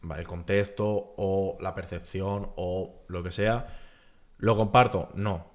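A man, chatting casually as a podcast guest in an animated, filler-heavy way. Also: sits low. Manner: animated, talks fast with lots of filler phrases. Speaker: guest, freestyle rapper.

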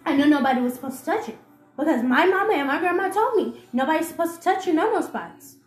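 A podcast host with a high voice recounts a painful personal story, emotional and halting, repeating herself in an animated way. The room is roomy and echoing, with soft music faintly underneath.

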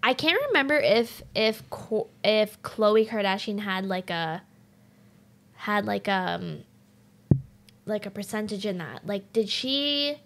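A woman's voice: mid-range voice, animated, takes it slowly, a bit bright, a little hiss or hum. A woman in her late twenties co-hosting a podcast, rambling casually with constant fillers and the odd swear word. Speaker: podcast co-host. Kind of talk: casual chat.

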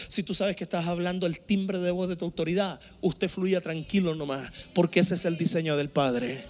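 High-voiced, fiery male preacher. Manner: animated, emphatic preaching with sudden loud outbursts. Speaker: pastor. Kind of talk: sermon preaching to a congregation. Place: church service before a congregation.

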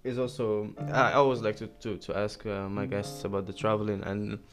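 Low, flat-voiced male podcast host. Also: normal speed, faint music behind. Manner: hesitant, many fillers. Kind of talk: casual interview questions.

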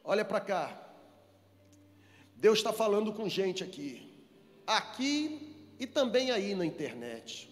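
A man preaching a sermon at a church service, moving between soft pleading and fervent shouting. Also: high voice, very animated, takes it slowly, long pauses, in a large hall. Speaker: pastor. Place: church service, streamed online.

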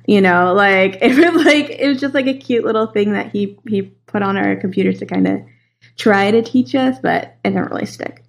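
A woman's voice: medium pitch, normal speed, creaky. Chatty young woman, lots of fillers. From Los Angeles. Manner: chatty, many fillers, laughs easily. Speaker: guest. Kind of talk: casual interview conversation.

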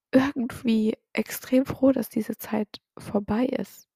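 A young woman hosting a podcast, talking softly and partly whispering late at night, teary and hesitant with a dry throat. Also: on the high side, creaky, husky, no echo. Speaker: podcast host. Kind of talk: personal late-night confessional monologue.

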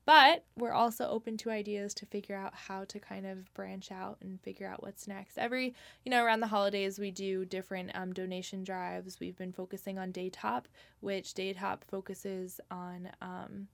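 A woman's voice: medium pitch, steady tone, normal speed, vocal fry, fairly bright tone, dry recording. A young woman, chatting casually as a guest about community events, full of fillers and "like". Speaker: guest, nonprofit organizer. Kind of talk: casual interview talk.

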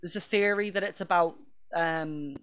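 A man's voice: sits high, moderate pace, fairly bright tone. A man co-hosting a podcast, chatting casually, rambling, laughing and swearing now and then. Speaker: podcast co-host. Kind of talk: casual chat.

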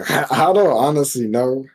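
A man's voice: medium pitch, animated, moderate pace. A man as a podcast guest, chatting casually in a laid-back way and often agreeing. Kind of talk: casual chat.

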